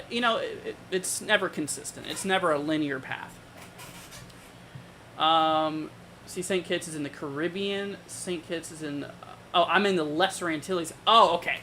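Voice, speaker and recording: A man's voice: a little high, sharp tone, slight background noise. A man hosting a live weather forecast, talking informally and conversationally as he thinks aloud. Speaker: weather livestream host.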